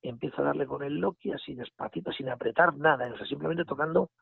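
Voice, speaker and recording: A man, telling a story in a casual, animated way and acting out the dialogue. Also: a little high, fast, creaky, husky, no room sound. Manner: animated retelling with quoted dialogue and restarts. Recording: phone line audio.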